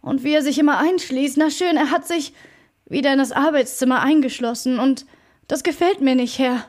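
A woman voicing a frightened male servant in an audiobook, pleading and hurried in a raised, strained voice. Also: high-pitched, a little mellow, voice pushed up, lightly acted. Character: frightened middle-aged male servant, anxious.

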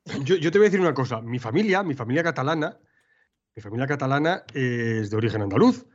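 A man's voice: medium pitch, lively intonation, fast talker. Host guy running the film chat, repeats himself a lot, muffled audio. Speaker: podcast host. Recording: dull lo-fi sound.

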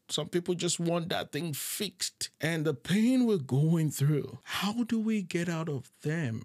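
Earnest man, halting faith reflection. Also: on the high side, a little mellow. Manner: earnest, halting, repeats words as he searches for them. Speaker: podcast host. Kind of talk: reflective solo talk about faith. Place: living in Japan.

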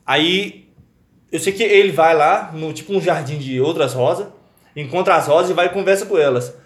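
A man chatting casually, retelling a book in a loose, slangy, animated way. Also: fairly high pitch, moderate pace. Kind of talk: casual chat. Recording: echoey room.

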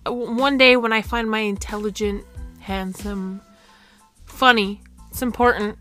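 Bright sarcastic woman podcast host. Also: medium pitch, fairly even intonation, measured pace, faint music behind. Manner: sarcastic, joking, blunt. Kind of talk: casual chat.

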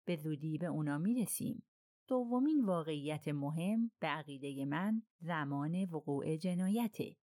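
A woman voicing a calm, methodical middle-aged male detective who reasons in a measured way. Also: deep voice, no echo, studio quality.

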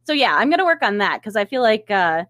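A woman's voice: mid-range voice, big pitch swings, quick pace, a bit bright, no room sound. A woman co-hosting a podcast in casual chat, enthusiastic and giggly. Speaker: podcast co-host.

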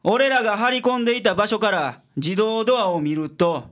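In a radio drama, a man plays a gruff, logical private detective with a Kansai accent who is blunt with his juniors but secretly soft-hearted. He explains things in a composed way, his high, fairly bright voice at a moderate pace.

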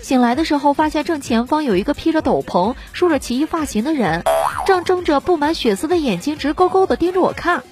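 A young woman telling jokes on air, with a lively delivery, often laughing and acting out voices. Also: high-pitched, a little fast, faint music behind. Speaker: comedy storyteller.

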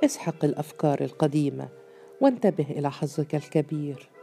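A sly, smooth-talking spirit, given voice by a man narrating an audiobook story. He speaks calmly and coaxingly, his tone very dark and mellow, with faint music underneath. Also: fairly high pitch, brisk. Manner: smooth, soothing, mocking. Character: sly male spirit, calm tempter.

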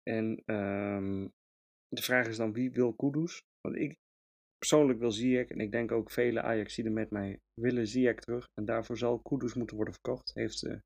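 Hosting a fan podcast, a Dutch man delivers a casual, opinionated match review monologue with plenty of emphasis and frequent hesitations. His voice sits at medium pitch with a steady, darkish tone and a moderate pace.

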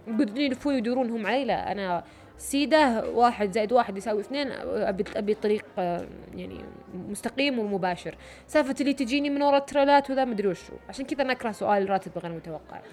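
A woman's voice: a little high, animated, very fast, darkish tone. A young woman with a Saudi Arabic accent giving frank, direct advice in a chatty monologue, with fillers and restarts. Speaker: vlogger giving job interview advice.

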